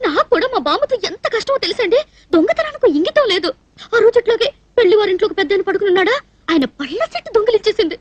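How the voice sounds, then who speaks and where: A woman's voice: very high voice, expressive, very fast, dry recording. An actress playing a tearful, lovesick young woman in a dubbed film, pleading and near sobbing. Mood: rueful. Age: young adult. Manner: pleading, tearful, breaking into sobs.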